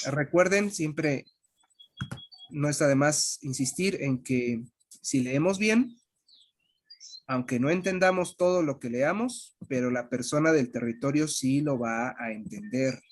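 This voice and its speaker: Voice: medium pitch, measured pace. A language teacher giving an online lesson, patiently repeating and spelling out sounds.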